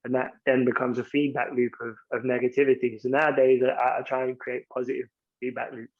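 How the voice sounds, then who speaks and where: A man's voice: medium pitch, flat delivery, fairly quick. A man speaks as a mentor, frank and reflective, with plenty of loose asides as he thinks aloud. His voice sits in a middle register. The recording sounds slightly dull and lo-fi. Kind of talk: candid mentoring chat.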